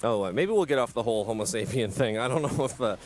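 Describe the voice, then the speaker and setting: A man with a Canadian accent hosting a charity live stream, easygoing and quick to laugh at himself. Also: medium pitch, animated, darkish tone, a little hiss or hum. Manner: easygoing, laughing, self-deprecating. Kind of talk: casual live-stream chat.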